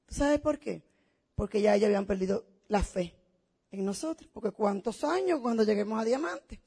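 A woman's voice: medium pitch, expressive, moderate pace, mellow, slightly rough. A middle-aged woman, giving an emphatic, story-driven motivational testimonial as a business speaker.

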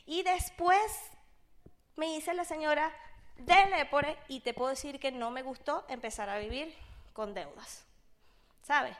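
With a high, fairly bright voice, this Venezuelan-accented woman in her thirties shares a business testimony as lively storytelling for an audience. She's chatty, performs the quotes, and keeps dropping "¿sabes?".

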